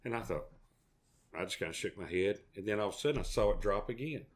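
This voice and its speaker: Podcast co-host, male, middle-aged, Southern US accent, fairly deep, down-home and rambling. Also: lively intonation, quick pace. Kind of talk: folksy casual chat.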